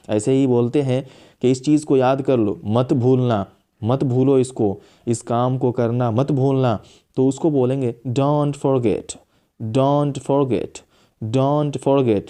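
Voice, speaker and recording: A man teaching a spoken English lesson, saying each English command slowly and repeating it several times. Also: medium pitch, mellow.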